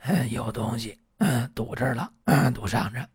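Hoarse fifty-something patient voiced by a man, strained and quiet, pitched up. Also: lively intonation, normal speed, no room sound, studio quality. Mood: complaining. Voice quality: hoarse, half-whispered.

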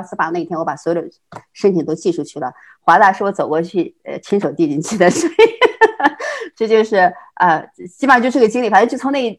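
A middle-aged woman from China, a guest telling her life story in casual conversation, quick and full of restarts and laughs. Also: medium pitch. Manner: fast, with many repeated words and restarts, frequent laughs. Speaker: interview guest.

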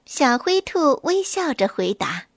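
High-voiced woman reading a children's story. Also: unhurried, no echo, studio quality. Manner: clear, expressive storybook delivery.

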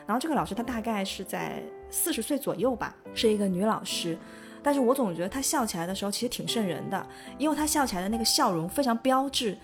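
A woman co-hosting a casual podcast, telling a childhood story in a lively way and laughing often. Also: on the high side, fast, over music. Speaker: podcast co-host.

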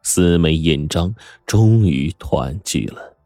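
A man's voice: rumbling low, lively intonation, takes it slowly, a little mellow, no room sound, studio quality, faint music behind. A man narrating a story with dramatic delivery, the host of the show. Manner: dramatic, swings into character voices.

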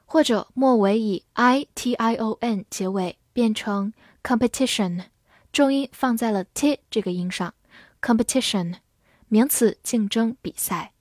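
A woman teaching English vocabulary in Chinese. She spells each word letter by letter and reads the example sentences slowly and carefully. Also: fairly high pitch, darkish tone, no room sound, clean studio sound.

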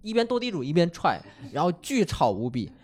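Fast, lively man telling a story. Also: fairly high pitch. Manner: animated, quick storytelling with restarts. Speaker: comedy podcast co-host. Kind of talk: casual comic storytelling.

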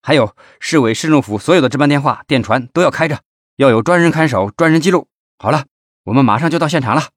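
A man voicing a city party secretary who gives brisk, clipped orders in a crisis. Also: on the high side, dry recording, studio quality, pitched above the performer's own voice, natural voice. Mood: commanding. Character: urgent commanding male city party secretary.

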